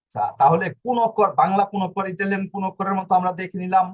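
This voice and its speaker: Male tutor, higher voice, patient step-by-step explainer, dull lo-fi recording. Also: little pitch movement. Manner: explains slowly, with many fillers and restarts. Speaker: language teacher. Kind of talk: online language lesson.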